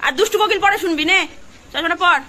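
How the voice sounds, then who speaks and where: High, bright woman in playful baby talk. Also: fast, slight background noise. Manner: playful, coaxing, sing-song repetition. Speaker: mother playing with her toddler. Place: at home.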